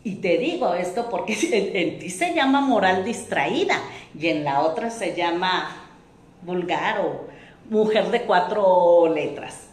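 Woman, motivational speaker, unhurried delivery, lower voice, roomy echo. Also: expressive. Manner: slow, deliberate, repeats lists and acts out quoted remarks. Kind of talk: self-help talk.

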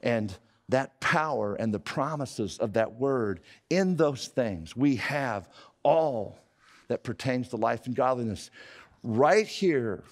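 A man's voice: mid-range voice, expressive, takes it slowly. A man in his fifties preaching a sermon from a church stage, earnest and emphatic, gesturing as he speaks. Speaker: pastor. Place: church stage with painted backdrop.

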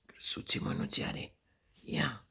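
An older man, a grandfather whose first language is Romanian, talking baby talk to his infant grandchild, cooing and sing-song and often sinking into a soft whisper. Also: slow pace.

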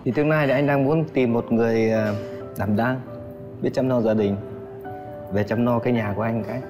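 Casting: quiet-spoken man on a date show, terse, brief answers, loud music behind him. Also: medium pitch, fairly even intonation, a little fast. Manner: terse, short plain answers. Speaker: dating show contestant. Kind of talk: casual chat on a first date. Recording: studio sound with loud music.

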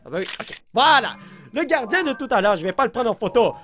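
A man with a Québécois French accent giving excitable gameplay commentary, reacting loudly and talking straight to his viewers with English exclamations mixed in. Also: extremely high pitch, fast, a crowd in the background. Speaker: let's play host.

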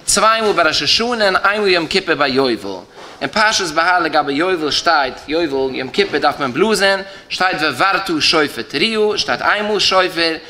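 Male rabbi, Yiddish accent, lecture chant with rising and falling lines, bright voice. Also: a little high, expressive, moderate pace, slight background noise. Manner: rising and falling chant, stresses key terms, repeats phrases. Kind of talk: Talmudic lecture in a singsong study chant.

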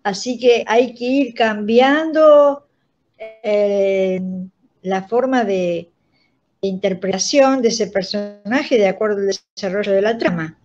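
An older Argentine-accented woman, a radio drama director, is a guest in an interview over a video call from an indoor room. Her voice is medium-pitched, slow and darkish as she explains things conversationally. The device mic gives dull, lo-fi call audio.

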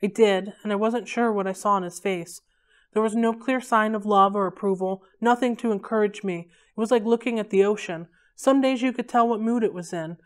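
A woman hosting a library read-along, reading a novel aloud in a steady, unhurried way. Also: medium pitch.

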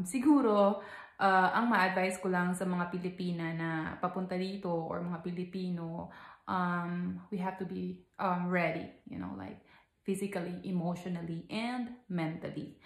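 A woman's voice: fairly low pitch, creaky, reverberant. A young Filipino woman from the Philippines with a Filipino accent, giving casual vlog advice, chatty with frequent laughs and fillers. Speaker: vlogger. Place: home in Texas.

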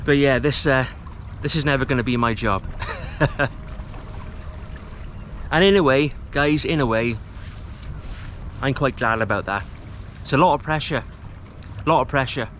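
Relaxed man vlogging on a windy shore. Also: medium pitch, unhurried, long pauses. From Wales. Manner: relaxed, chatty, self-deprecating. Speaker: fishing vlogger. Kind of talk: casual talk to camera. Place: outdoors on a rocky estuary shore. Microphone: camera mic, close framing.

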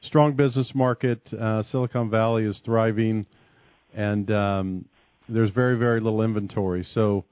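A man's voice: on the low side, fairly even intonation, moderate pace, clear, resonant tone, dry recording, highs cut off. A man hosting a radio show near San Francisco, asking long, rambling questions of a guest. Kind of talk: interviewing a guest.

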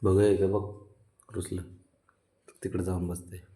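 A man's voice: sits low, level tone, a little slow, mellow, echoey room. A man at home talking to his pet in a doting, coaxing baby-talk manner in a casual home video. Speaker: pet owner.

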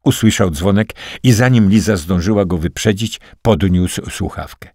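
A man narrating a wartime spy novel as an audiobook in a steady, dramatic reading. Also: deep voice, moderate pace, no room sound, clean studio sound. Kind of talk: scripted narration.

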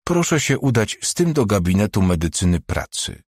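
A man's voice: lowish voice, very animated, normal speed, darkish tone, slightly rough, no room sound, clean studio sound. A man voicing a cold, sarcastic female police doctor in an audiobook, speaking in a curt, detached way. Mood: icy. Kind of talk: audiobook character voice.

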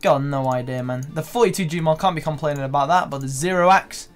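A young man doing live gameplay commentary, swearing and breaking into excited shouts. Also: fairly high pitch, brisk, soft background music. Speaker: gaming video creator.

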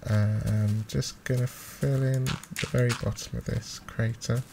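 A man's voice: mid-range voice, steady tone, measured pace, vocal fry. A man giving casual, hesitant let's play commentary, thinking aloud, with mouse clicking behind him. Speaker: gaming video host. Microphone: close desktop microphone with gain high. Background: mouse clicks and keyboard noise.

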